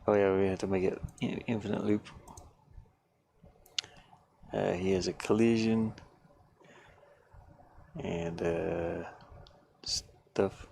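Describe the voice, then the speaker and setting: A man with a low, gravelly voice talks slowly and pauses a lot as he livestreams from his van while making a game. He thinks aloud in a casual way and lets his thoughts trail off partway through. Steady background noise runs under the recording.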